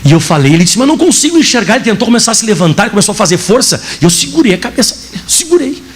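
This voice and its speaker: Fast, high-voiced preacher. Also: male voice. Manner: animated storytelling, acting out dialogue. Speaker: pastor. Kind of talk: sermon with personal testimony.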